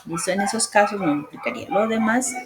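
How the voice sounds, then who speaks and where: A woman's voice: mid-range voice, fairly quick, very noisy. A woman teaching English grammar in a patient tone. She walks through the rules step by step and often stops to check that her students are following.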